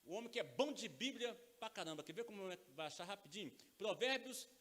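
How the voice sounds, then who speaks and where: High, lively Brazilian pastor preaching. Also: male voice, a little fast. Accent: Brazilian Portuguese. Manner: animated preaching, acts out dialogues and quizzes the congregation. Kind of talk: sermon. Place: church sanctuary. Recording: long reverb of a church hall.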